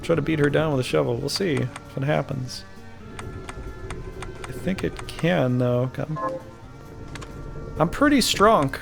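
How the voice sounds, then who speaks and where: A man's voice: on the high side, measured pace, long pauses, music in the background. A young man streaming a game late at night, rambling casually about the game and his channel into a desk mic. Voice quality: rambling, self-deprecating, gravelly. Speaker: gaming streamer. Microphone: desk microphone.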